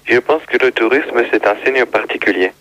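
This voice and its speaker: A man's voice: medium pitch, normal speed, a bit bright, a little hiss or hum. Argumentative male caller on a dull line. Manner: argumentative, keeps interrupting. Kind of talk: radio phone-in banter.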